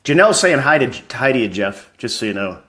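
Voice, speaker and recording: A man's voice: medium pitch, big pitch swings, brisk, fairly bright tone. A man hosting a live fan stream, greeting viewers by name and chatting casually about football news.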